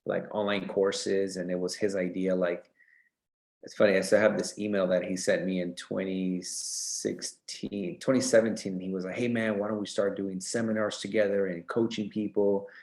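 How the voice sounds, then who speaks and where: A man's voice: low-pitched, little pitch movement, normal speed, a little mellow. A man in his thirties, a real estate coach as a podcast guest, talking earnestly with many fillers. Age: 30s. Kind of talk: casual interview chat. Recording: roomy echo.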